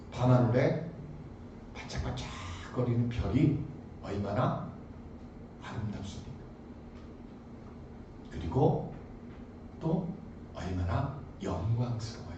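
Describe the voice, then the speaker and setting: A man's voice: mid-range voice, expressive, takes it slowly, pauses often, highs cut off, noisy background. A male pastor preaching a sermon, animatedly quizzing the congregation. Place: church sanctuary. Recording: echoey church hall from far off.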